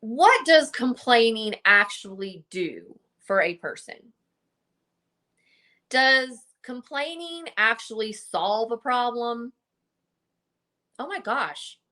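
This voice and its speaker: Woman, psychic vlogger, loose rambling monologue to camera, keeps checking in with "right?", vivid sharp tone, sits a bit high. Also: animated, slow. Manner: rambling, chatty, many "like" and "right?" fillers. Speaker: self-described psychic and wellness vlogger. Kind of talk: casual unscripted monologue to camera. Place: indoors in front of a camera and ring light.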